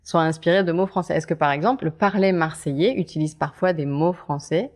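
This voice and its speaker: A woman with a somewhat low voice hosts a relaxed conversation. She asks questions and chimes in with examples in a casual, chatty interviewing style. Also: a little fast. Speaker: podcast host.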